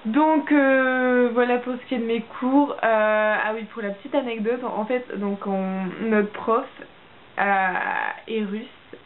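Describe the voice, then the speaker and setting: Young woman from France, casual vlog chat, halting delivery full of fillers, thin phone-like sound with faint hiss. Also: a little high, steady tone. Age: young adult. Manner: hesitant, many fillers and restarts. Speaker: au pair vlogger.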